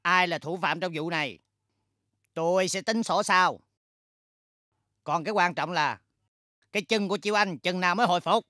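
A woman's voice: lowish voice, moderate pace, long pauses, sharp tone, no echo, clean studio sound. An actress playing an exasperated music company boss in a sitcom, scolding her staff dramatically. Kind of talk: sitcom acting.

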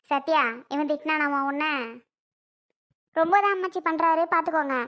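A woman's voice: sits high, fairly even intonation, moderate pace, fairly bright tone. A woman doing a weary, complaining pregnant wife. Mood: whining. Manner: defensive, whining complaints. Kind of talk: family comedy skit acting.

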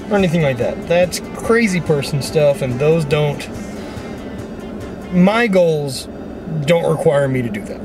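Blunt thirties man, slightly high voice, motivational, dash-cam in a truck, music loud behind. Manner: blunt, swears freely, motivational. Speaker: vlogger. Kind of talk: casual vlog monologue. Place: inside a parked truck. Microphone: camera on the dashboard.

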